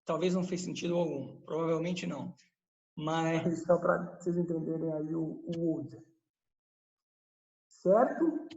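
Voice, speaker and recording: Slow-talking high-voiced male teacher. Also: rough recording. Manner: explains patiently, quizzes the class with questions. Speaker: English teacher. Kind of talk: live online grammar lesson.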